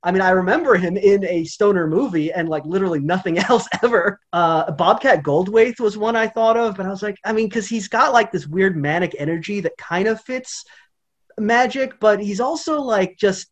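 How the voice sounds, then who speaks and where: A podcast co-host chatting casually, mid-pitched, with a rambling flow full of "like" fillers and restarts. The talk wanders as thoughts come together on the fly. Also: moderate pace. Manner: rambling, heavy use of "like", many restarts. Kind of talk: casual chat.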